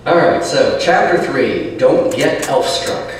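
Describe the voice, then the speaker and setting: A man's voice: medium pitch, takes it slowly, recorded from a distance. Guy chatting then reading his novel, cave echo, cheap mic, long reverb, mid voice. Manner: chatty, rambling asides. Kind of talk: casual chat, then reading a novel aloud.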